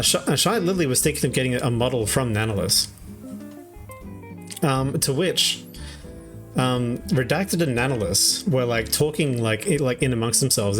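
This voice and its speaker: A young Australian man streaming, recapping online drama in rambling, casual chat with many fillers and frequent laughs. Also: mid-range voice. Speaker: VTuber streamer.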